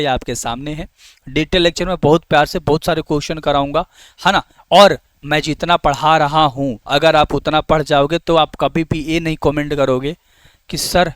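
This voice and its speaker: A man's voice: a little high, fairly bright tone, clear, resonant tone, dry recording. A man teaching an exam-prep grammar lesson, asking questions and answering them for his students in a coaxing way. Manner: coaxing, calls students "babu".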